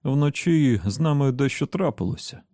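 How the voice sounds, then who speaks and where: A man's voice: mid-range voice, animated, moderate pace, warm tone, no echo, clean studio sound, pitched above the performer's own voice, natural voice. A man voicing an eager, restless young man in an audiobook, speaking with urgency. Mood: urgent. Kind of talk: audiobook character voice.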